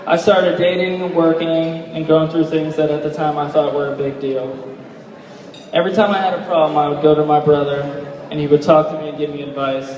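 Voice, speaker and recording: Echoey, higher-pitched man giving rambling best man speech. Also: little pitch movement, brisk, darkish tone. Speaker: best man, younger brother of the groom. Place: large reverberant indoor reception room. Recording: echoey hall, distant microphone.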